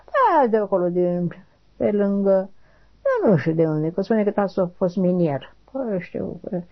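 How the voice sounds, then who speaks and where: Gravelly-voiced woman in her eighties. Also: mid-range voice, very animated. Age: 80s. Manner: halting, repeats short affirmations, trails off quietly. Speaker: interviewee. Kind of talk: oral history interview. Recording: dull lo-fi recording.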